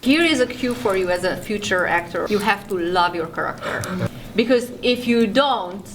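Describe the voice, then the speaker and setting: A woman's voice: mid-range voice, lively intonation, moderate pace, slight background noise. A woman acting teacher giving emphatic instructions to a class.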